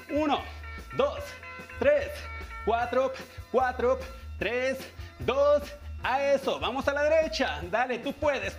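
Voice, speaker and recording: A man with a Mexican Spanish accent and a very high voice for a man runs an aerobics class. He counts out every beat and keeps cheering his viewers on. Workout music plays faintly behind him. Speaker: aerobics instructor. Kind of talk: leading a televised dance workout.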